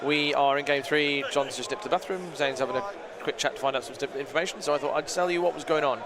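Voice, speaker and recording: A man's voice: on the high side, fairly even intonation, fast talker, a crowd in the background. A British man commentating a live tabletop game tournament in a chatty, rambling way that often corrects itself. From Britain. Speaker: stream commentator.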